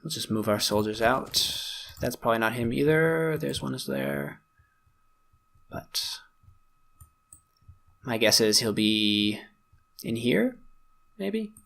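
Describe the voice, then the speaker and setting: Guy chatting through a strategy game playthrough, gravelly voice, talking to himself, self-mocking. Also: mid-range voice, sing-song, takes it slowly, pauses often, fairly bright tone, slight background noise. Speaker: gaming YouTuber. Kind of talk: casual let's-play commentary.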